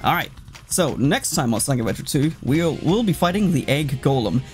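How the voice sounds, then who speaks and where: A man with a fairly high, sing-song voice speaks a little fast, swearing his way through a relaxed, rambling let's play. He keeps cutting himself off to react, and the game's loud music is audible behind him.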